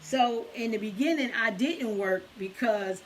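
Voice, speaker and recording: A woman's voice: on the high side, measured pace, slight background noise. A middle-aged woman hosting a casual live stream, chatty and repeating her phrases with many fillers.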